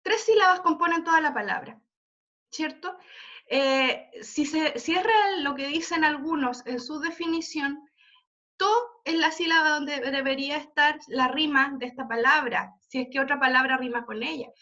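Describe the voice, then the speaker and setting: A woman's voice: high-pitched, normal speed, bright, forceful tone. A woman teaching an online literature class, explaining step by step and checking in with her students. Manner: explanatory, checks in often with "¿ya?" and "¿cierto?". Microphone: computer mic on a video call. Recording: dull lo-fi video call audio.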